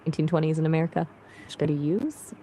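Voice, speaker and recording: An AI assistant with a woman's voice, chatting casually. Her tone sits a little low, but she stays upbeat and quick, bouncing lively replies back in easy conversation. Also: a little hiss or hum.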